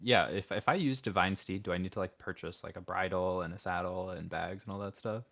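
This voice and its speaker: Tabletop player: a man with a low, soft-spoken, laid-back voice. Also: fairly quick, gravelly. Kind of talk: tabletop role-play.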